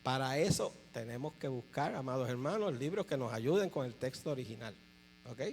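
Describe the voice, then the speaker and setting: Preacher teaching in a reverberant hall. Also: male voice, mid-range voice, lively intonation, darkish tone, faint music behind. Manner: explains slowly, stresses key words, keeps checking in with 'ok?'. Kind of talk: church teaching talk. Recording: long hall reverb with faint mains hum.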